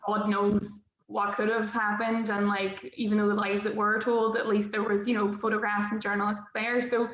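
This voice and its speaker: A woman speaks in a Derry, Northern Irish accent with little movement in pitch. She sounds reflective and conversational. The recording is roomy and somewhat dull, with faint noise. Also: flat delivery, moderate pace, few pauses, a bit bright. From Derry, Northern Ireland. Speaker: political correspondent. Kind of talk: personal account on a panel.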